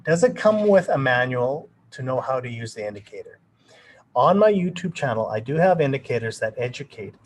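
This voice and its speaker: A man's voice: mid-range voice, big pitch swings, a little fast, rough recording. Rambling man teaching trading live. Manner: loose, rambling, thinks aloud with fillers. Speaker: trading educator presenting a webinar. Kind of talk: live webinar teaching with viewer Q&A.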